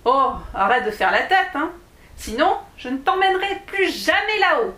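Woman doing a calm, impatient little dwarf. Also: on the high side, normal speed, reverberant. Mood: scolding. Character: small male dwarf, calm and a bit impatient.

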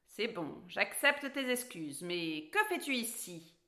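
A woman's voice: medium pitch, sing-song, takes it slowly, sharp tone, full character voice. A woman voicing a grumpy but kindly old male dwarf in a storybook read aloud. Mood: gruff kindly. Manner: gruff, then fatherly and advising.

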